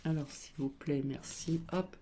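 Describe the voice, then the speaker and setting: A woman's voice: deep voice, steady tone, unhurried, dark tone, a little hiss or hum. A woman doing a casual spiritual card reading at a small table at home, hesitant with many fillers as she reads card texts aloud. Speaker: oracle card reader.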